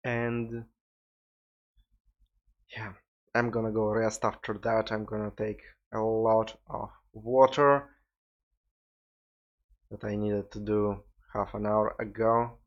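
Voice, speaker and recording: Speaking slowly with frequent pauses, this Russian-accented man hosts his solo podcast in a weary, loose, occasionally profane way. His lowish voice stays level, and the lo-fi audio sounds dull.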